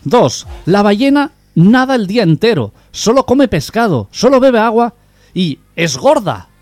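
A man telling jokes on a radio humor show, delivering punchlines deadpan. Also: sits high, measured pace, faint music behind. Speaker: radio joke teller.

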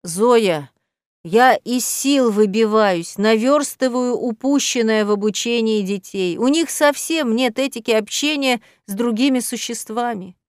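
A woman voicing a self-important male cat professor, fussy and quick to take offence, for an audiobook. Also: on the high side, clean tone, no echo, studio quality, lightly acted. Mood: stern. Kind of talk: audiobook character voice.

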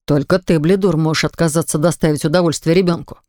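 A woman reading aloud voices a hot-tempered, exasperated father in a lowered voice, lecturing and blustering. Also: fairly even intonation, fast, a little mellow, dry recording, clean studio sound, lightly acted. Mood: angry.

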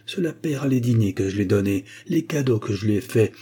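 A man's voice: lowish voice, lively intonation, fairly quick, husky. Man doing a greedy bad-tempered grocer. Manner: snarling, greedy, shouting.

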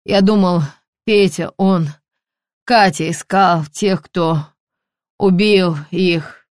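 Brief: female reader as a delirious injured laborer, halting fragments, close dry mic. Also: lowish voice, steady tone, a little mellow, smooth, no echo. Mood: urgent gasping. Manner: halting broken phrases, barely audible. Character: injured exhausted working man, delirious. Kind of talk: audiobook character voicing.

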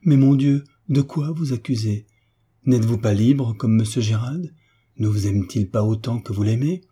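A man's voice: lowish voice, moderate pace, dark tone, slightly rough. A man voicing an anxious young heiress in an audiobook, full of astonished questions. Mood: consoling. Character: young rich heiress, anxious concerned friend. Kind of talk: audiobook reading.

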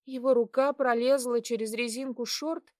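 A woman reading a first-person story aloud in a measured, steady way. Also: a little high, no echo, studio quality. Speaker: audiobook reader. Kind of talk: first-person scripted narration.

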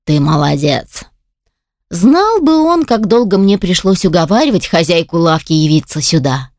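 A woman reading a first-person fantasy audiobook aloud in a firm, steady storytelling voice, recorded on a close studio mic. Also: on the low side, normal speed, dry recording. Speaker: audiobook reader.

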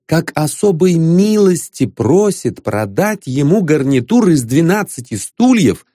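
Expressive male audiobook narrator. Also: on the high side, a little slow, no room sound, studio quality. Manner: expressive, mocking storytelling. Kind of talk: scripted narration of a satirical novel.

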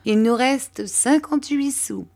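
A woman's voice: high voice, measured pace, vocal fry, darkish tone, pitched above the performer's own voice. A woman voicing an eager, earnest young boy.

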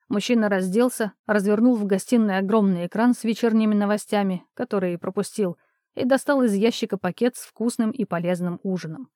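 Mellow-voiced woman reading a novel. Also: medium pitch, no echo, studio quality. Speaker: audiobook narrator. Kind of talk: scripted audiobook narration.

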